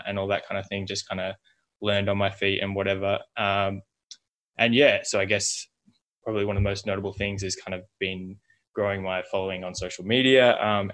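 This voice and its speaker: Informal, low-voiced young Australian man. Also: fairly bright tone, poor audio. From Melbourne, Australia. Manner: informal, rambling, hedging with like, you know, kinda, whatnot. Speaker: podcast guest, logo and brand designer. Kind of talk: casual interview chat.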